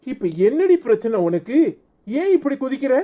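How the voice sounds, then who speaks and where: A woman's voice: high-pitched, very animated, moderate pace, dark tone. A woman voicing a weary, exasperated husband in a cartoon, scolding and fed up, with a Tirunelveli Tamil accent.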